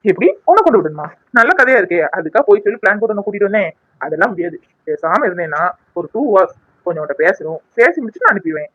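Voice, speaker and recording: A man doing a fast, lively, mocking ex-lover. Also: sits high, dry recording, highs cut off. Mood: threatening. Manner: mocking, sarcastic, teasing. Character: young man, spurned ex-lover, mocking and scheming.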